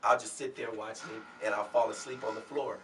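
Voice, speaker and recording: A man who is a singer and a guest on a talk show. He tells stories from his career in a relaxed way. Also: lowish voice, a little fast, far from the mic, slight background noise. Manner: relaxed anecdotal storyteller. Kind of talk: storytelling in an interview.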